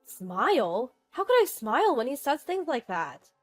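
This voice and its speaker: A young mother speaks in a strained, wounded tone, her voice pitched a little high, as a woman reads her. Soft music plays in the background. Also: sing-song, measured pace, heavily acted. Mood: distressed. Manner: hurt, strained.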